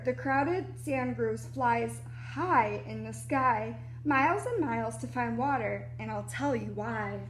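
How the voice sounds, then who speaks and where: Reading a children's picture book aloud, this high-pitched woman sounds like a preschool teacher: animated, explaining as she goes, and adding asides for little listeners. Slight background noise is present.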